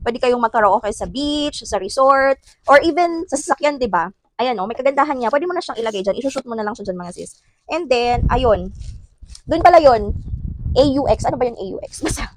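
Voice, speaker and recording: A chatty woman from the Philippines vlogging an unboxing. Her voice sits a little high, and she laughs easily as she talks to her viewers like friends. A faint hiss runs under the recording. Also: animated, a little fast. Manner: chatty, addresses viewers as sis, laughs often. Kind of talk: casual unboxing vlog.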